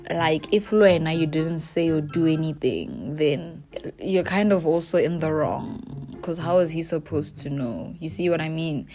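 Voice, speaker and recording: A woman's voice: sits low, unhurried, warm tone, soft background music. A South African woman frankly giving advice as she reacts to viewer confessions, playful and slangy. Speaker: YouTuber reading viewer confessions. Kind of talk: casual advice chat.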